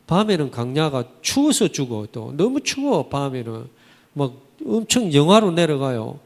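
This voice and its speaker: A man preaching a Sunday sermon, asking his congregation rhetorical questions and using vivid everyday expressions. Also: on the high side. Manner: animated, vivid colloquial storytelling. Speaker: pastor. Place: church sanctuary. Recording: church hall reverb.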